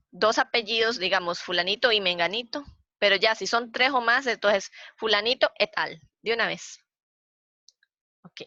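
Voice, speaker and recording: A woman's voice: mid-range voice, bright, forceful tone, dry recording. A woman with a Costa Rican accent, a librarian explaining slides in a training session, patient and repeating her points. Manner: patient, repeats points, counts aloud slowly. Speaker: librarian giving a citation workshop. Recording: dull, dry lo-fi sound.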